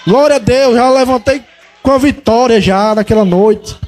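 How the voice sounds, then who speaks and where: A man's voice: very high voice, moderate pace, darkish tone. A young man giving a fervent religious testimony, often breaking into praise. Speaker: church testimony speaker.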